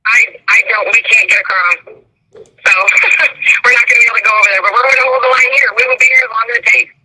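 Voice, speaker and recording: A woman speaking earnestly and plaintively as a phone-in guest in a live interview, over a rough telephone line. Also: a little high, animated, quick pace, noisy background. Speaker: phone-in guest from a protest convoy.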